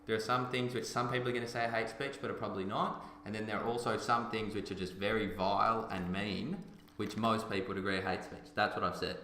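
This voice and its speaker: A man's voice: on the low side, steady tone, quick pace, sharp tone, a little hiss or hum. A man hosting a podcast, talking in an emphatic, argumentative way. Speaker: podcast host. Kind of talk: casual opinion chat. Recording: roomy echoey room.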